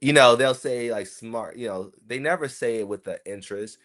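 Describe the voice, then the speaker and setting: A man's voice: mid-range voice, moderate pace, fairly bright tone. A man from South Carolina, hosting a casual solo podcast and talking to his listeners in a chatty, rambling way. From South Carolina, USA. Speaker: podcast host.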